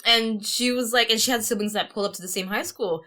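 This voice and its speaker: A young woman co-hosting a casual podcast, telling an animated story. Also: on the high side, fast talker. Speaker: podcast co-host. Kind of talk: casual chat.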